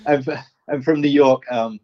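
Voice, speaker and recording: A man, speaking as an artist guest in a casual interview, pausing often with ums and uhs. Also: mid-range voice, steady tone. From England. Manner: hesitant, many ums and uhs. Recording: dull lo-fi sound.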